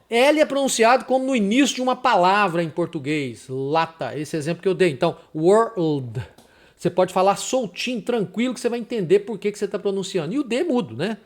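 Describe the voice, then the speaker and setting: A high-pitched Brazilian English teacher gives a casual, chatty video lesson on English pronunciation. He repeats example words slowly and with emphasis.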